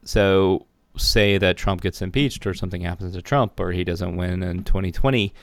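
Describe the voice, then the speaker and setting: Deep-voiced man, casual podcast talk. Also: moderate pace, fairly bright tone. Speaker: podcast co-host. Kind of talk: casual political discussion.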